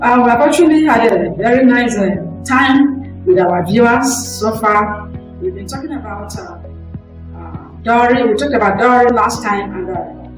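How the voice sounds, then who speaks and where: A woman hosting a talk show, presenting with an emphatic, drawn-out delivery. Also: a little high, heavy reverb, far from the mic, low-quality recording. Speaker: host.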